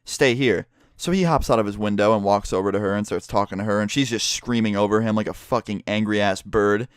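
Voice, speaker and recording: A man's voice: lowish voice, dry recording, studio quality. A man telling a story in a casual, rambling way, swearing freely as a vlogger. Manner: profane, rambling, animated.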